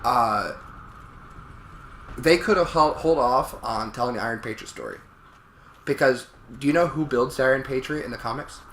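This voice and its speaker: Male let's play co-host, forceful bright delivery, emphatic casual opinions, echoey room with faint noise. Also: mid-range voice, moderate pace, long pauses. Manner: opinionated, emphatic, repeats and rephrases himself. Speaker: let's play co-host commenting over the game. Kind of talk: casual opinionated chat over gameplay. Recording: roomy echo, faint background noise.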